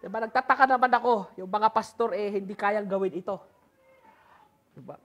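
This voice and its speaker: A woman with a Filipino accent preaching a sermon in mixed Tagalog and English, asking rhetorical questions and reading scripture slowly and with emphasis. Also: mid-range voice, fairly bright tone.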